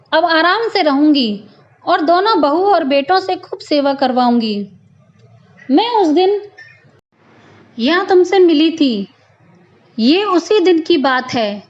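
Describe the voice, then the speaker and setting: Woman storyteller, very high slow voice. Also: dull audio. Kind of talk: scripted first-person story narration.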